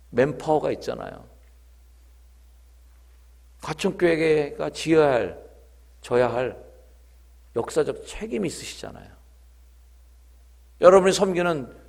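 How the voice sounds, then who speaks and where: Impassioned middle-aged pastor with gravelly voice. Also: male voice, medium pitch, darkish tone. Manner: emphatic storytelling, rising to impassioned appeals. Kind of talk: revival sermon.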